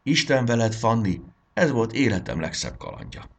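Man doing a young boy, earnest and soft, storybook reading, gravelly low voice. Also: lively intonation, heavily acted. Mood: tender.

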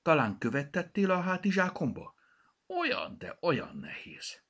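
A small girl's voice, pitched far above the reader's own and swinging up and down, whiny and pleading, as a male storyteller puts her on. It has a husky, gravelly edge, like a storybook read aloud. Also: very animated. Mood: complaining. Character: worried little girl, kindergartener.

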